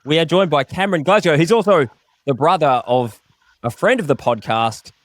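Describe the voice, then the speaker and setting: A man's voice: a little high, normal speed, no room sound. A man from Tasmania hosting a podcast interview in an upbeat, joking manner. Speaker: podcast host.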